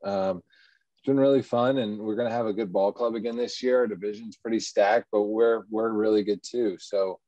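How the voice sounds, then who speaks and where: A man, a baseball pitcher answering interview questions in an easygoing, rambling way. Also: fairly even intonation, moderate pace, warm tone, dry recording. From Texas, USA. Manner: easygoing, rambling, many ums and you-knows. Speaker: professional baseball pitcher, guest. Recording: dull, muffled lo-fi sound.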